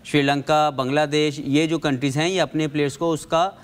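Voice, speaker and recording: A man's voice: fairly high pitch, steady tone, brisk. A man giving cricket analysis on a studio panel, explaining his points earnestly and slipping into English phrases.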